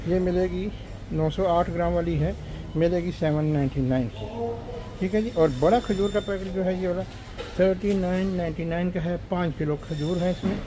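A man's voice: high voice, normal speed. A man, casually vlogging as he walks supermarket aisles and lists prices, peppering his talk with polite words. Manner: chatty, lists prices, says "ji" and "janab". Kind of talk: casual shopping vlog walkthrough. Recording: noisy shop background.

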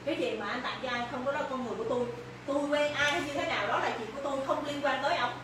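A woman's voice: high-pitched, very fast, close to an everyday voice. A woman playing a defiant accused wife. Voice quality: sharp, defensive retorts. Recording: distant, very echoey, crowd behind.

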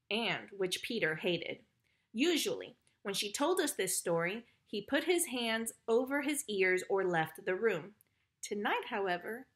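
Gentle woman reading to children. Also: fairly high pitch. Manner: warm, gentle, affectionate. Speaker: storyteller.

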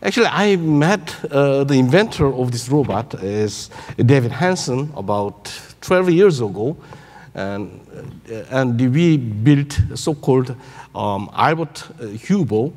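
A robotics researcher in his sixties with a Korean accent gives a keynote on stage in a large conference hall, speaking halting English and searching for words. His mid-range voice is expressive and a little mellow, and the audio comes through the PA with hall echo.

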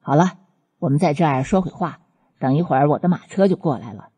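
A gentle, teasing young man speaks softly and close, with a woman reader putting him on. The tone is warm and mellow with a breathy softness. An audiobook character in a storybook reading. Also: low voice, fast. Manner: soft, teasing, hushed. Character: teasing, affectionate young man, an older-brother figure.

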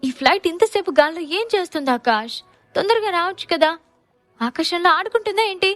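Woman doing a bubbly young wife in an audio story, chiding and impatient, high voice. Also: lively intonation, moderate pace, no room sound, faint music behind, close to an everyday voice. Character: bubbly young wife, easily annoyed and innocent.

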